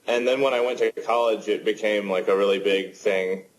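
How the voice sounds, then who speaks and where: Guest, man in his twenties, low-pitched, chatty and rambling. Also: moderate pace, rough recording. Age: 20s. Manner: relaxed, rambling with many fillers and restarts. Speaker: poker player guest. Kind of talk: casual interview answers.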